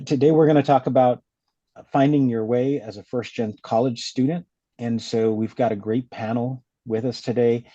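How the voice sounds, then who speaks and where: A man's voice: medium pitch, mellow, no echo. A man hosting a webinar panel, moderating in a friendly way with frequent fillers. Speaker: webinar host, consultant. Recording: dull lo-fi webinar audio.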